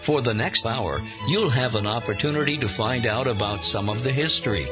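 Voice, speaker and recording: A man reading a scripted radio show introduction with a smooth, promotional delivery. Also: mid-range voice, brisk, music in the background. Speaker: show announcer.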